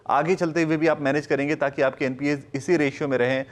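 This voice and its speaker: A man's voice: on the high side, steady tone, brisk. A man interviewing a company executive, asking long, polite questions that wind on before they end. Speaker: business news interviewer.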